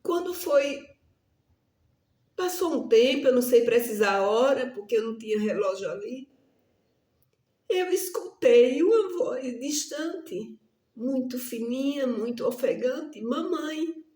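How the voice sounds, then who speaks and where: A woman's voice: a little high, animated, a little slow, dark tone, echoey room. A woman preacher telling a testimony in an earnest, emotional sermon style, often calling out to her listeners. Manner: earnest, addresses the listeners as "amados".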